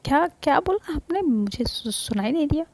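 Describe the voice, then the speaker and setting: Impatient teasing young woman done by a woman storyteller, curt, slightly high, faint hiss behind. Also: expressive, normal speed, darkish tone.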